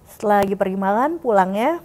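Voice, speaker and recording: A woman's voice: mid-range voice, lively intonation, fast, darkish tone. A young woman as an interview guest, telling her personal faith story candidly and acting out what her family said. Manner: candid, acts out family dialogue in quotes.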